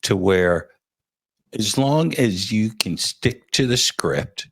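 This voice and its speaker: A man's voice: lowish voice, lively intonation, slow pace, slightly rough, no room sound, clean studio sound. A man hosting a casual interview, chatty and joking as he thinks aloud. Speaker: interview host.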